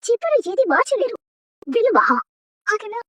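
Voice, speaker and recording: An actress playing a calm, firm sister-in-law in a TV serial drama. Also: female voice, very high voice, brisk, no echo, exaggerated voice.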